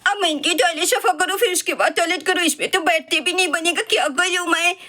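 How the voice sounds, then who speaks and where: A desperate little boy, voiced by a woman, whiny and pleading. The voice sits very high and sounds sharp and bright. It is urgent from start to end, like a child in a homemade doll story. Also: fast. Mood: disgusted. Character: young boy, impatient and desperate.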